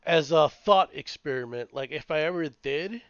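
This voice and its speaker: In a smooth, slightly high voice at normal speed, a man in his late thirties co-hosts a podcast and chats casually. He swears freely and rambles into animated rants. The recording is dull, lo-fi, and dry, with no room sound.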